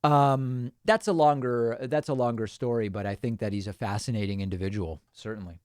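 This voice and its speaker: Born in Argentina with Spanish as his first language, this political commentary host chats through a livestream, reading out viewer messages and answering briefly, casual and offhand with plenty of ums and uhs. He speaks at a typical mid pitch for a man, his tone steady, fairly dark, clear and resonant. The sound is close and dry, with no echo from the room.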